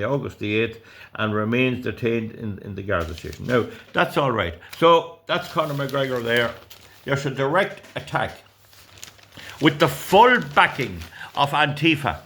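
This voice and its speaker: This is a man in his sixties from Ireland, a political commentator, with a bright, forceful voice of medium pitch. He reads out the news and rants indignantly, wandering off track and tripping on his words.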